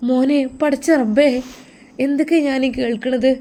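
A woman's voice: fairly high pitch, expressive, unhurried, mellow. A woman voicing a frail, frightened older mother who wails faintly and calls on God. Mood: alarmed. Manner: faint, wailing, calling on God.

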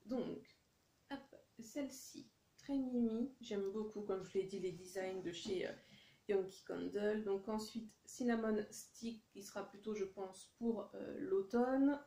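A woman's voice: medium pitch, warm tone, roomy sound. A French-speaking woman filming a casual haul vlog, talking in a chatty, hesitant way with many fillers. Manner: reads English product names in a deliberate French accent. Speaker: vlogger showing a haul.

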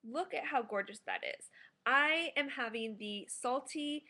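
A woman's voice: sits high, a little slow, pushed and bright. A woman in her thirties giving a casual, enthusiastic food review to camera at home as a food blogger. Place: small living room at home, indoors.

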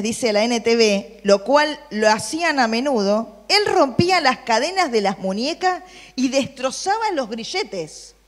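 A woman's voice: high voice, in a large hall. A woman preaching to a youth group, reading Bible verses and asking the listeners questions. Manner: lively, asks the room questions, reads Bible versions aloud.

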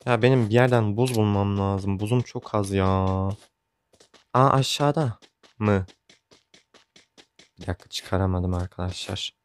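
A man's voice: on the low side, measured pace, pauses often. A young man chatting casually as he comments on his own gameplay, joking and grumbling along the way. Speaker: gaming YouTuber.

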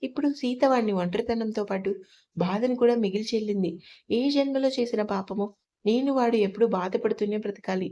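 A woman's voice: mid-range voice, brisk, dark tone, highs cut off, close to an everyday voice. A woman reading the part of a middle-aged mother who grieves for her son and blames her husband, in an anguished, accusing tone. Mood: grieving.

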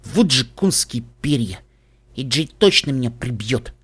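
A man's voice: medium pitch, big pitch swings, a little slow, a bit bright, husky, pitched below the performer's own voice, heavily acted. A man voicing a bold, impatient young pegasus filly in an audiobook, eager and brash. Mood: dismayed.

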